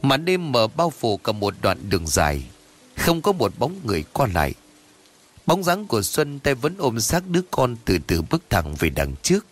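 A man narrating a ghost story in a lively, expressive storytelling manner. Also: medium pitch, normal speed, faint music behind.

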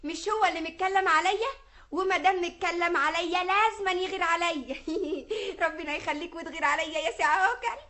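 A woman's voice: very high-pitched, brisk, sharp tone. A woman with an Egyptian accent playing a coy, teasing young village girl in a radio comedy. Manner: coquettish, giggly teasing. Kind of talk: vintage radio comedy acting.

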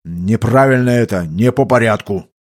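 A man's voice: lowish voice, moderate pace, natural voice. A man voicing a big, dim-witted young squire who blurts out indignant, simple protests, in an audiobook.

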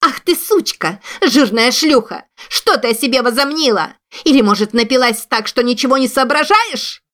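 A woman reading an audiobook, voicing a haughty, hot-tempered young lady who shouts in indignation. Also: medium pitch, moderate pace, pitched above the performer's own voice, lightly acted. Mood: furious shouting.

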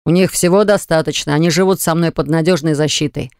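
A woman's voice: sits low, fairly even intonation, fast talker, darkish tone, smooth, no room sound, studio quality, close to an everyday voice. A woman narrator voicing a grown man, an eldest brother, who answers tersely and defensively. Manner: terse, sighing.

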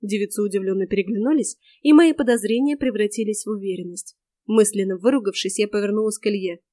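A woman reading a first-person fantasy audiobook in a lively, wry, expressive way. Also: mid-range voice, fast, dry recording. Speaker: audiobook narrator.

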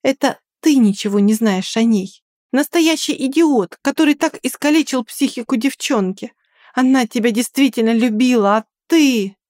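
A woman reading an audiobook and voicing a bold young woman who defends her friend with sharp, threatening words. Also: a little high, moderate pace, no echo, studio quality, close to an everyday voice. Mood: stern. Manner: sharp, threatening, then coaxing.

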